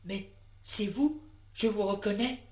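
A woman's voice: lowish voice, unhurried, husky, pitched above the performer's own voice. A woman reading a story, voicing a naive young man who talks hesitantly and sounds flustered.

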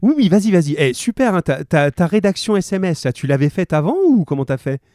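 A male teacher hosts a live radio lesson, cheering on callers with lots of little fillers. His pitch swings widely and his tone is mellow. The sound is close and dry. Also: a little fast, no echo. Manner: lively, encouraging, full of fillers. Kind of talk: live radio class with call-in students.

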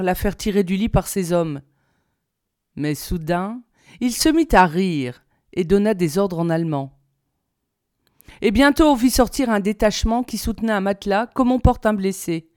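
Clear-voiced woman reading a story. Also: mid-range voice, normal speed, darkish tone, no room sound, studio quality. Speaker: reader. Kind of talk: reading a short story aloud.

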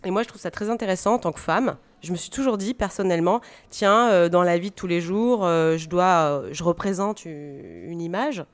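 A woman's voice: lowish voice, brisk, few pauses. A woman speaking conversationally as a radio panel guest, often searching for her words. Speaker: guest, stage director and drama teacher.

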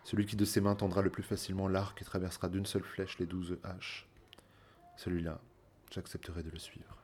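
A man voicing a wise, sorrowful noble queen in a soft, dignified way. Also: deep voice, level tone, a little fast, slight background noise, natural voice.

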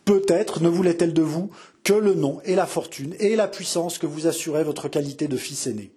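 A husky-voiced man voicing a scheming younger noble brother who speaks in a sly, mocking, hissing tone. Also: a little high, fairly quick, warm tone, voice pushed up. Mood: insinuating.

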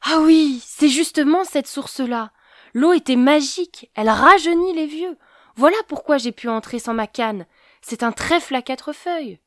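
A woman voicing an irritable old grandfather who has been made young again, exclaiming loudly. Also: expressive, brisk, no echo, studio quality, close to an everyday voice. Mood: excited. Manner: loud, exclaiming, high-pitched.

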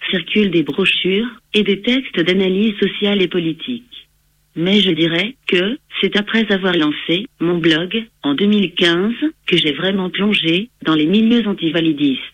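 Dull lo-fi sound, chipper male computer voice, text-to-speech, high register, reading interview answers. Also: fairly bright tone, dry recording. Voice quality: synthetic text-to-speech voice, non-human. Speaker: interviewed activist and researcher.

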